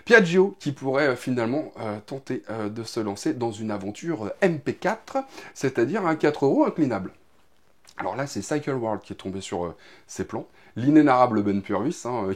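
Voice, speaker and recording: Sarcastic, animated man. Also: mid-range voice. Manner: mocking, joking, laughs often, lots of fillers. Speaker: motorcycle news host. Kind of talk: sarcastic casual commentary.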